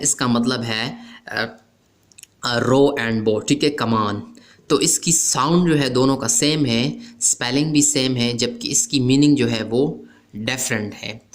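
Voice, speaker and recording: A man's voice: medium pitch, a bit bright. A man teaching an English grammar lesson, explaining terms methodically and repeatedly checking in with "okay" after each point. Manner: mixes English terms into everyday speech. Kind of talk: explaining a grammar lesson over written examples.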